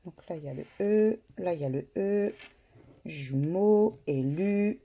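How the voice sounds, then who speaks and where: A woman giving slow, methodical running commentary as she scratches lottery tickets, spelling out letters one by one. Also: fairly low pitch, dark tone.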